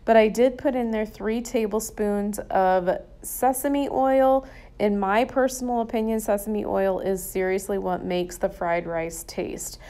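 In a home kitchen, a cooking vlogger narrates her home cooking in a recorded voice-over. Her mid-range voice is gravelly and mellow, and her manner is chatty, enthusiastic and folksy.

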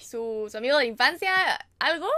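A young woman with a Chilean accent reacting to an anime episode in casual, excitable commentary, gasping and squealing and chatting to her viewers. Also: a little high, moderate pace, a crowd in the background. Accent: Chilean Spanish. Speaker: anime reaction channel host. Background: anime episode audio and music.

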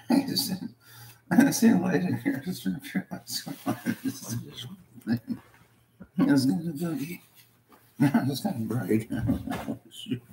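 A vlogger and karaoke singer lies down at home chatting in a loose, meandering vlog, chuckling often. Her voice is low, creaky and darkish, with a little hiss or hum over a roomy recording with faint ambience.

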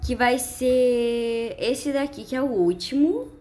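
A woman with a Brazilian Portuguese accent giving chatty, excited gameplay commentary to her viewers. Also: fairly high pitch, takes it slowly, soft background music. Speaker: gaming YouTuber.

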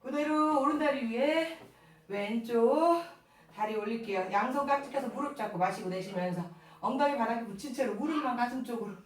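A woman's voice: fairly high pitch, fairly quick. A woman leading a workout as an instructor, counting reps aloud in short, clipped commands and exhaling audibly between counts. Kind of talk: workout coaching with rep counting. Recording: roomy echo with music behind. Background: music.

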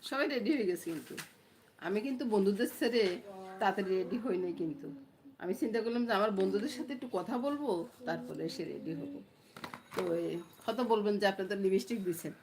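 A woman's voice: medium pitch, expressive, quick pace, crowd noise. Chatty middle-aged woman. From Noakhali, Bangladesh. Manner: chatty, often asks viewers "understand?". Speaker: vlogger. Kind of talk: casual chat to viewers. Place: home. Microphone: phone camera.

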